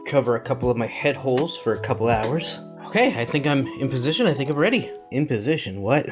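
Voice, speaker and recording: A man chatting casually as he hosts a movie reaction video, amused with himself and full of hesitant fillers. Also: on the high side.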